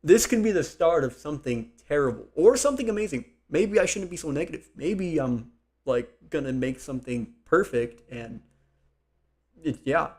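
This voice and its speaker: A young man chatting on a live stream from his computer desk, rambling and thinking aloud, speaking louder than his usual soft voice to project. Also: a little high, lively intonation, moderate pace. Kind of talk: casual live-stream chat.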